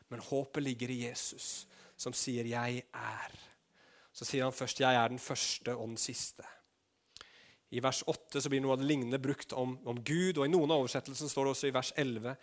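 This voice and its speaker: A man delivering a lively sermon, his voice sitting a touch above the usual male pitch. He jumps from loud, emphatic bursts down to hushed, low passages. He keeps asking his congregation rhetorical questions. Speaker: preacher.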